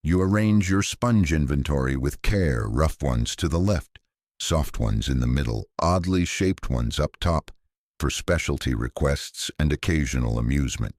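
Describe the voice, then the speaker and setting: In a close, dry recording with no surrounding room sound, a man with a very low, deep voice narrates a scripted sleep story. He speaks softly and without hurry, calm and gently wry.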